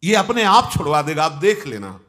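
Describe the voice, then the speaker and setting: A man's voice: a little high, big pitch swings, normal speed, a bit bright. A man giving a devotional discourse as a spiritual teacher, exhorting listeners and quoting scripture verses in a chanting cadence.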